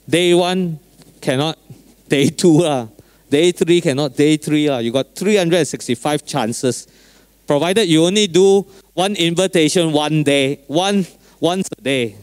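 A man with a somewhat high-set voice preaches in colloquial Singlish with a Singaporean or Malaysian accent. He talks like a pastor telling everyday stories, animated and informal, dropping particles at the ends of short phrases. The sound is very dry, without room echo. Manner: animated storyteller, acting out dialogue. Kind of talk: informal sermon with anecdotes.

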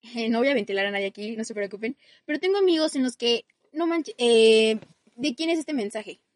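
A woman's voice: fairly high pitch, fairly quick, no room sound. A young woman, co-hosting a podcast in casual chat, speaking earnestly and giving advice straight to listeners. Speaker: podcast co-host.

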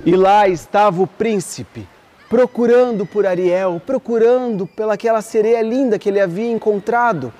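An expressive woman telling a children's story. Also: mid-range voice, moderate pace. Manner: warm, expressive, repeating phrases for effect.

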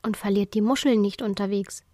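A woman voicing a female character who whispers a riddle to children in a storybook, in a hushed, conspiratorial way. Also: medium pitch, steady tone, a little fast, no room sound, clean studio sound, close to an everyday voice. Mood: secretive. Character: secretive female riddle-giver.

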